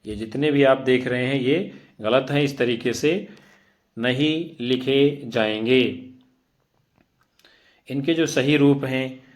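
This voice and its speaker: A male teacher works through exam questions at an unhurried, very slow pace. He reads every option aloud in a medium-pitched voice and explains each one to his students with deliberate care. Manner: slow, measured, deliberate syllable-by-syllable reading; addresses students directly, repeats options aloud. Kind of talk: reading out and explaining quiz answers.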